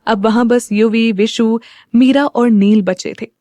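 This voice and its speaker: A woman reads an audio drama as its narrator, unhurried and deliberate, her voice pitched a little high. The recording is close and dry, with no room sound around her. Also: fairly even intonation, mellow, dry recording. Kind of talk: scripted story narration.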